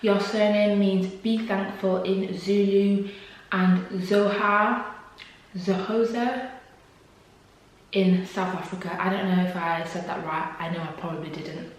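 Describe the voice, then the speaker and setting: Chatty young woman, echoey room. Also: medium pitch. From Congo. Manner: chatty, laughs often, many fillers. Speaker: YouTuber. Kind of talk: casual Q&A chat to camera.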